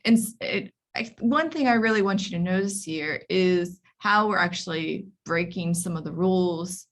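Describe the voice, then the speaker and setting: A woman's voice: on the low side, moderate pace. A woman teaching an online writing workshop, explaining step by step with frequent ums and restarts. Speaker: library workshop instructor. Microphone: video call.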